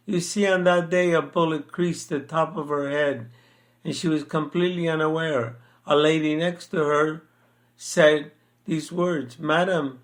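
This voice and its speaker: A man's voice: on the high side, fairly bright tone. An older man in a casual chat, who then reads his own poem aloud, speaking hesitantly with many fillers. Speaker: poet sharing his poems.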